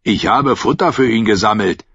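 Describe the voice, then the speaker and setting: Big gentle simpleton read by a man, low voice, slow, husky, dull sound. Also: no room sound, full character voice. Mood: earnest.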